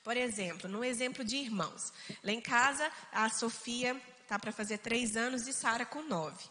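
A woman co-hosting a casual faith-based family talk, animated and acting out family members' voices. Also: on the high side, moderate pace, in a large hall. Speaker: co-host of a family talk show.

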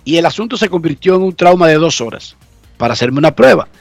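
Congested with a cold, a man with a very high, gravelly voice hosts a casual garage radio show, talking fast and animatedly. He's emphatic and conversational and keeps repeating himself, while the dry, close, echo-free audio carries faint background music.

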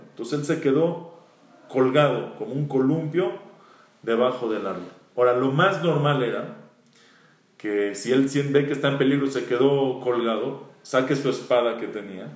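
A man who is a rabbi, telling a Torah story in a sermon and quoting Hebrew verses with animated emphasis. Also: mid-range voice. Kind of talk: Torah lecture. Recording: echoey room, mic at a distance.

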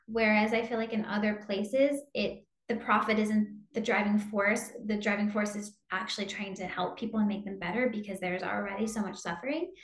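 A woman's voice: medium pitch, steady tone, moderate pace, hardly any pauses, roomy sound. A woman interviewing medical students, encouraging them with questions.

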